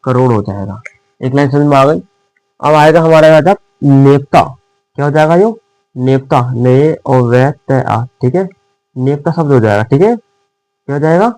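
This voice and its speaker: A man's voice: on the high side, lively intonation, normal speed, long pauses, a little mellow, dry recording, poor audio. A male teacher explaining shorthand in a classroom-style lesson, asking questions and answering them himself, calling his students dear children. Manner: repetitive quiz-style, asks and answers himself; affectionate address to students.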